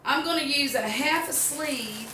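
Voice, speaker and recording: A woman's voice: sits high, unhurried, pushed and bright. An older woman with a Southern US accent chatting casually in a folksy, rambling way as she gives a home cooking demonstration. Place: home kitchen. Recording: roomy, distant mic, background noise.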